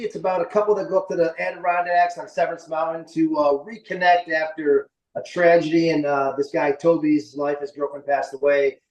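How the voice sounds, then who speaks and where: A roomy, slightly distant recording of a man in his late forties. He chats informally and rambles a little, his voice a touch high, like an indie director being interviewed. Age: late 40s. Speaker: interview guest, indie film writer and director. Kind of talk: casual interview chat.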